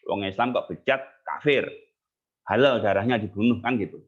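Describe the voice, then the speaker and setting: A man's voice: fairly low pitch, moderate pace, husky. A man telling stories in a casual, chatty sermon as a religious teacher. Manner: casual, chatty, mixes in local words. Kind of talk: storytelling sermon. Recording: tinny phone-like line.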